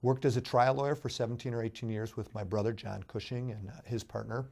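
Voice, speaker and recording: A middle-aged man speaks with a hoarse, cold-roughened voice that sits warm and dark. He tells his background as a judicial candidate in an earnest, measured way, pausing on fillers as he goes. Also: mid-range voice, steady tone. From Chicago, USA. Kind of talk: interview guest.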